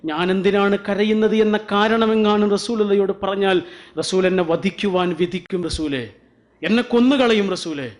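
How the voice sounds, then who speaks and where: A man's voice: sits high, normal speed, natural voice. A man telling the lines of a grieving chief's confession. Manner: pleading, repeats a plea refrain.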